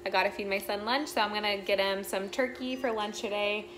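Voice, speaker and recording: A woman's voice: mid-range voice, steady tone, brisk, fairly bright tone, slight background noise. A young woman in her twenties vlogging from her kitchen into a handheld phone, chatty and upbeat, with asides to her toddler. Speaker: vlogger and mom. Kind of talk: casual vlog talk to camera. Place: home kitchen and living room. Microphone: phone camera held at arm's length. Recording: echoey room with music.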